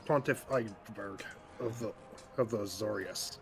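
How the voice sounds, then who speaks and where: A man's voice: fairly low pitch, measured pace. Hesitant male game player over music. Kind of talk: casual game talk.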